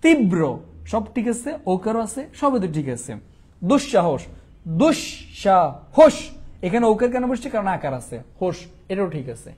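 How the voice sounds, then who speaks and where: A young man from Bangladesh teaching a quick exam revision lesson, asking questions and answering them himself. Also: high-pitched, very animated, darkish tone, husky.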